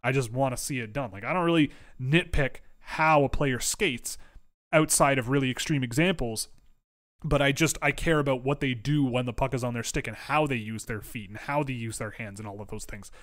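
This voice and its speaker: A man's voice: mid-range voice, moderate pace, a bit bright. A man answering viewer questions about hockey prospects in a casual livestream, rambling with lots of fillers and restarts, his voice wearing out. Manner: rambling, self-interrupting, filler-heavy. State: losing his voice.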